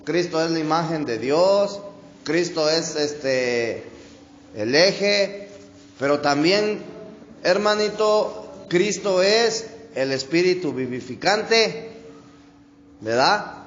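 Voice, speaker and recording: A man preaching a sermon in a conversational way, often calling the listener "brother" and checking "¿sí?", and drawing out key words slowly. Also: fairly high pitch, lively intonation, echoey room, long reverb tail, lo-fi sound, slight background noise. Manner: slow, drawn-out stresses on key words. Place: church hall.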